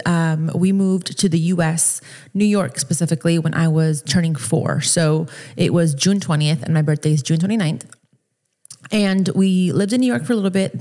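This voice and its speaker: A woman in her thirties hosts a solo podcast, talking in a casual, chatty way. Her voice sits low, and she corrects herself as she goes, with plenty of fillers along the way. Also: warm tone. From Dominican Republic. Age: 30s. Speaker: podcast host.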